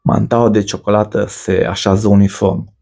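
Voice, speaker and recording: A man giving a measured, ornate, scripted voice-over for a cooking video. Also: fairly low pitch, little pitch movement, vocal fry, darkish tone. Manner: measured, ornate storytelling delivery. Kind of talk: scripted poetic voice-over narration.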